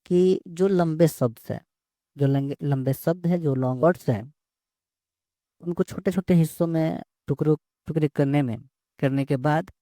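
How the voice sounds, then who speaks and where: A male teacher explains slowly and steadily, often going back over the same words. His voice sits a little high for a man yet sounds dark and gravelly. It is recorded close up and dry. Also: no echo. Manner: slow, repeats words and phrases while explaining. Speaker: English teacher. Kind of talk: bilingual lesson explanation.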